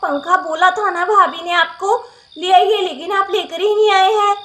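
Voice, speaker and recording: An impatient, lively village girl, as a woman puts her on in a doll-play story. She speaks in a very high, bright voice and keeps pressing the others to hurry. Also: normal speed. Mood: urging. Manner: pushy, urging.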